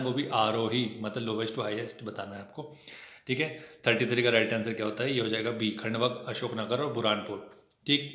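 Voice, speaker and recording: A man teaching an exam-prep lesson in a brisk, chatty way, often checking in with his students. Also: mid-range voice, bright, forceful tone, echoey room. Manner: brisk, chatty explaining with frequent "ठीक है" check-ins. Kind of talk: test discussion lesson.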